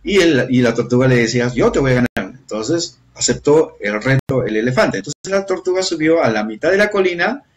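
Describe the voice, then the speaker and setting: Peruvian male seminar presenter, mid pitch, repetitive and direct. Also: animated, a little fast, hardly any pauses. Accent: Peruvian Spanish. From Peru. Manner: repetitive, addresses listeners directly. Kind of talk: motivational online seminar.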